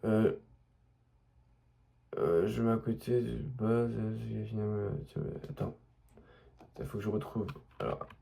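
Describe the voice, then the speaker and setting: A man's voice: lowish voice, steady tone, slow, creaky, pauses often, dark tone. A young man from France telling a personal story in a rambling, unscripted way, full of restarts and asides to the listener. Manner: rambling, many restarts and fillers, addresses listener directly. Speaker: vlogger.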